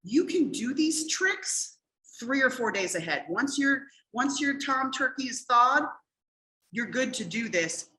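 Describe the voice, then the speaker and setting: A woman's voice: on the high side, big pitch swings, a little slow, bright, forceful tone, a little hiss or hum, poor audio. A middle-aged woman leading a cooking demonstration in a casual, chatty way, explaining each step and often checking in with "okay?". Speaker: cooking class instructor.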